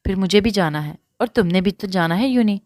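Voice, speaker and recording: Woman reading as a brisk young businessman. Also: mid-range voice, lively intonation, a little mellow, no room sound, studio quality, natural voice. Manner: short firm questions.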